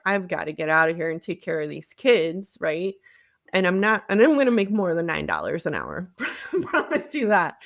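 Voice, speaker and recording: This Cleveland-area podcast guest, who runs a marketing agency, has a medium-pitched, creaky voice captured in a dry, studio-quality recording. She recounts her own experiences candidly and conversationally, regularly voicing what people said to her.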